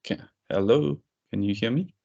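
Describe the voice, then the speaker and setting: A man's voice: lowish voice, normal speed, creaky, dark tone, slightly rough. A man on a video call whose audio keeps dropping out, asking over and over if he can be heard. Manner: repeatedly checking if he can be heard. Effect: video call audio dropping out, thin and distant. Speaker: call participant. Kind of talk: casual chat. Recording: distant dull call audio.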